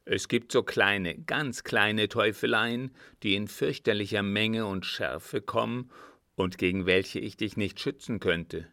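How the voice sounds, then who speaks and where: A blustering old field marshal booms out blunt oaths in a low, gravelly voice, as a male reader puts him on. He speaks slowly and heavily. The storybook recording is close and dry. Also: no echo. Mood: gruffly tender. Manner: loud blunt outbursts and oaths.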